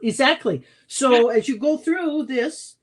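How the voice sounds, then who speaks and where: A woman's voice: sits high, takes it slowly. A woman interviewing a guest in an effusive, encouraging way. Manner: effusive, encouraging, calls guest her hero. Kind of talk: casual interview talk.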